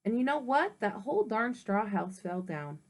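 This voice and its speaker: A woman reading as a smooth-talking storybook wolf. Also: mid-range voice, sing-song, normal speed. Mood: persuasive. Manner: chatty, persuasive storyteller. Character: smooth-talking male wolf telling his side.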